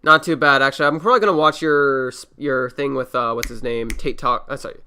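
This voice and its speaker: A man's voice: mid-range voice, brisk, sharp tone, clear, resonant tone. A man hosting a casual reaction livestream, talking in a loose, slangy and scornful way with a lot of laughing. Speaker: livestream host. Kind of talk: casual reaction stream chat.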